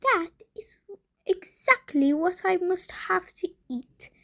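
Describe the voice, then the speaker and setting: A woman's voice: extremely high pitch, expressive, slow, gravelly, a bit bright, pitched above the performer's own voice, full character voice. A woman voicing a young wife who insists dramatically on getting what she craves. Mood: demanding. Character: demanding, stubborn young wife.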